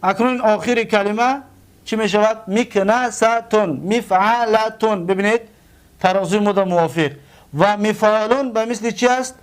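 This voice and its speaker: A man with a Tajik accent teaching a grammar lesson. He goes slowly, repeats words and spells them out letter by letter. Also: high-pitched, clear, resonant tone.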